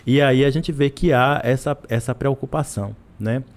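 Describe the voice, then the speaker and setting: A man's voice: mid-range voice, normal speed. A man from Brazil, a literature professor, talking as a guest in a podcast interview, full of restarts and repeated words.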